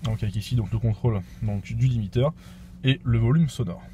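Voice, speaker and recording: A man's voice: mid-range voice, brisk, warm tone, dull audio, slight background noise. Chatty young man filming a car tour. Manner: chatty, heavy with fillers and restarts. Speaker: car reviewer. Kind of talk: casual car walkthrough. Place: inside a parked car. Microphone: phone camera.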